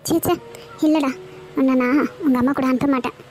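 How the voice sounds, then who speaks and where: Woman doing a gentle old grandmother. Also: high voice, steady tone, fairly quick, soft background music, natural voice. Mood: soothing. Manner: soothing, reassuring.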